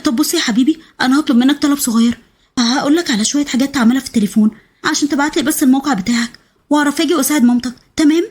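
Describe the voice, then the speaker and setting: Woman reading an urgent loyal girlfriend, Egyptian accent, very fast, high, storybook. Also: a little mellow, lightly acted. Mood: frantic. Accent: Egyptian Arabic. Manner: urgent, rapid, coaxing with a child. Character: frantic loyal female friend, protective and urgent.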